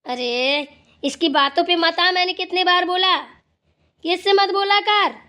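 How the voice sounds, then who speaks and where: A woman's voice: very high-pitched, measured pace, pushed and bright, heavily acted. A woman voicing a stern, wise old grandmother in a cartoon who scolds and lectures the family. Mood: scolding. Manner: scolding, then lecturing with advice. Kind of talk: cartoon voice acting.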